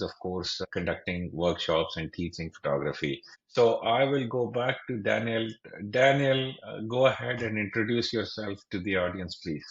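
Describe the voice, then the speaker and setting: Low-voiced host on a dull line. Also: male voice. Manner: welcoming, brief acknowledgements. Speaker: podcast host. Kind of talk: interview hosting.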